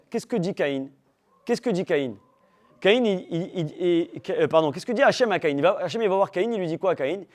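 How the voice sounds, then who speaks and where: A man teaching a religious class to young people, animated, firing rhetorical questions at the room and teasing his listeners. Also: a little high. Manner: teasing humor with the audience. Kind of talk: lively religious class talk.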